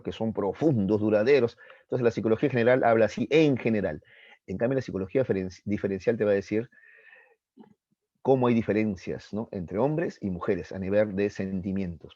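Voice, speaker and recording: A middle-aged man giving a psychology lecture to teenagers, acting out little voices and throwing in questions. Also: no echo. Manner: animated, acts out voices and questions with rising pitch. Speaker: psychology teacher. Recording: dull, dry lo-fi recording.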